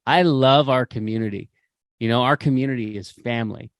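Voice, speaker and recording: A man's voice: mid-range voice, a little fast, clean tone, no room sound. Impassioned male podcast host, dry sound. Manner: impassioned, preachy, repeats phrases for emphasis. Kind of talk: motivational podcast talk.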